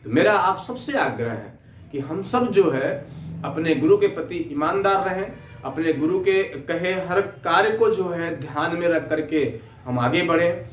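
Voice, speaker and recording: A man with an Indian accent giving an earnest moral talk to students, telling stories haltingly with repeated filler phrases. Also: fairly high pitch, expressive, a little hiss or hum. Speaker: teacher giving a motivational talk. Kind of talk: moral storytelling and exhortation to students. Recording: echoey room, distant microphone.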